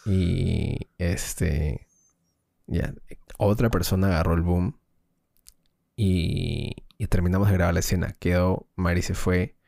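A man's voice: low voice, steady tone, slow pace, vocal fry, darkish tone, no echo, clean studio sound. A man, co-hosting a podcast, telling a long story in a rambling casual way, full of slang and restarts. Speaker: podcast co-host, filmmaker. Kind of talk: casual chat.

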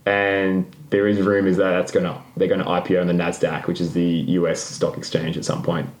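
A man's voice: deep voice, monotone, fairly quick. A man co-hosting a podcast in casual chat, rambling and laughing often as he corrects himself. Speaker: podcast co-host. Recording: roomy echo.

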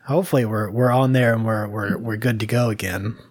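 Male podcast co-host, relaxed rambler, close dry mic. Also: on the low side, fairly quick, slightly rough, no echo. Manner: rambling, hedging with fillers. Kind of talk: casual podcast chat.

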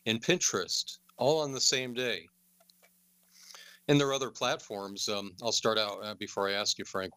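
A man hosts a call-in radio show in a low yet bright, forward voice. He rambles along with many filler uhs and slips in sarcastic asides. The sound is dry and close, with no room around it. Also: clear, resonant tone, dry recording.

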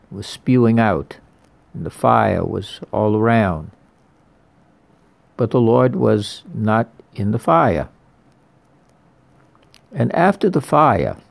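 A man delivers a sermon at an unhurried pace, letting each phrase land. His mid-pitched voice carries a strong gravelly fry, and he comes back to the same words again and again for emphasis. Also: darkish tone. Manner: slow, deliberate preaching with repeated phrases. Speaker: priest.

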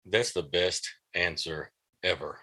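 A man's voice: low-pitched, takes it slowly, pushed and bright. A man with a Southern US accent co-hosting a podcast interview, playful and folksy in his casual chat.

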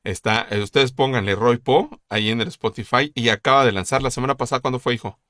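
A man's voice: mid-range voice, fast talker, bright, forceful tone, no room sound, studio quality. A man hosting a talk show about insurance, chatting casually in a friendly, rambling way with many fillers. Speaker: podcast host. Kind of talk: casual chat.

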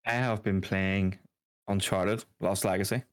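A man's voice: sits low, fairly even intonation, a little slow. A tired man co-hosting a casual banter podcast, laid-back and easygoing. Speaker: podcast co-host.

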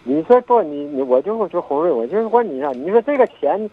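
An older man calls in over a dull, muffled phone line, his high voice jumping up and down in pitch. He talks quickly and haltingly, starting over and repeating himself. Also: sing-song. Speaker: caller. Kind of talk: phone-in call.

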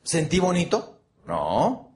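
A man's voice: fairly high pitch, huge pitch swings, slow pace, a little mellow, a little hiss or hum. A man giving a motivational speech to an audience, earnest, repeating phrases and asking the audience for agreement. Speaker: motivational speaker.

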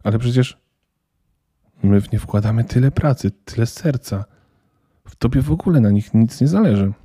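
A man's voice: medium pitch, lively intonation, normal speed, warm tone, husky, no echo, voice pushed up. A man voicing a small, fussy male Christmas elf who talks in a flustered, indignant, stern way.

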